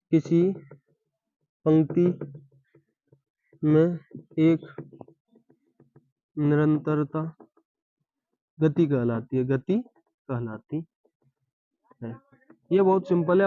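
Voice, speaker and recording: A man's voice: on the high side, dark tone, no room sound, dull audio. A man teaching a lesson on verse, who explains step by step and keeps asking if the class has understood. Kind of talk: classroom-style Hindi poetry lesson.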